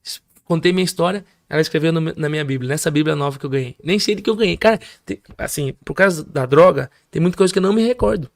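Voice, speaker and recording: Gravelly high-voiced Brazilian man testifying. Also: fast, few pauses. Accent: Brazilian Portuguese. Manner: animated storyteller, acts out his mother's high crying voice. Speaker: guest preacher. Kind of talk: testimony in casual conversation.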